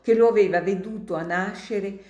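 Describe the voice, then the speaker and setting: A woman reading an adventure story aloud in a slow, measured way. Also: medium pitch, steady tone, darkish tone, roomy sound.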